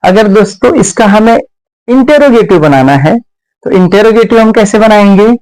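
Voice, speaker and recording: High-voiced Indian man teaching grammar. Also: expressive, darkish tone, clean tone, low-quality recording. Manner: explains step by step, repeats words slowly, often says "friends". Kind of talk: classroom grammar lesson.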